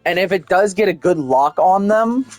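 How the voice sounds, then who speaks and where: A man's voice: high voice, expressive, normal speed, no room sound, soft background music. A young man casually commenting while playing a flight game, rambling and chatty with frequent restarts. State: hiccups. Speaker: gameplay streamer.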